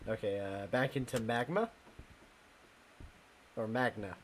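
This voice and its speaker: Live-streaming a ghost-hunting game, a young man with a medium-pitched voice chats casually with viewers, responds to chat, and laughs readily. Background noise is audible.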